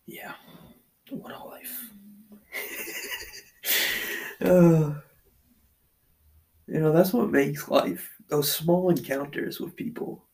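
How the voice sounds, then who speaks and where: A man speaks very slowly with long pauses as he paces his basement, hosting his own podcast in a rambling, cursing monologue loaded with fillers. His voice is on the high side, steady and darkish, with vocal fry; his extension-wired mic records at an uneven level.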